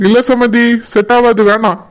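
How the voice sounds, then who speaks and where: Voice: mid-range voice, level tone, moderate pace, lightly acted. A performer voicing a worried father of the bride in a cartoon, earnest and apologetic, with a Kanyakumari Tamil accent. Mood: firm. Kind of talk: cartoon voice acting.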